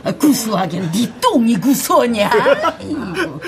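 A woman acts out a gruff old granny in a comedy drama, her voice pitched high. She is foul-mouthed and bossy, cursing and scolding whoever sits at her tables. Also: very animated, measured pace, crowd noise. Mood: cursing, mocking. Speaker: restaurant owner. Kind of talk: acted comedy dialogue.

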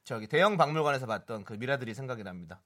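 Fast-talking bright man co-hosting radio. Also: mid-range voice, expressive. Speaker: radio co-host. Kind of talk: casual radio chat. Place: radio studio.

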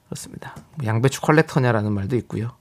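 A middle-aged man hosting a radio show, reading listener messages aloud in a calm, steady way. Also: medium pitch, brisk. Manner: calm and steady, with short back-channel replies. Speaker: radio host.

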